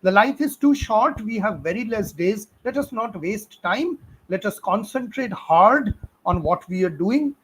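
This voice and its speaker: The audio is poor, and the man's voice is high. He's a middle-aged Indian physics teacher on a live stream, answering student questions with chatty encouragement, frequent fillers and laughter, and fatherly advice.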